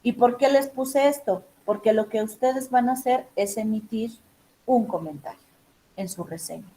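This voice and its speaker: Emphatic woman teacher, fairly high voice. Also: normal speed, warm tone, rough recording. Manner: emphatic, instructive, addresses students directly. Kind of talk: online class session.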